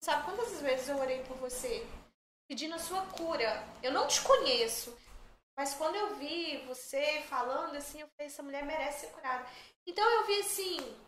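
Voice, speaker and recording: At an ordinary speed and in a high voice, a middle-aged woman chats and jokes her way through stories as a podcast guest. She's an animated storyteller in a casual exchange, heard in an echoey room with faint noise in the background.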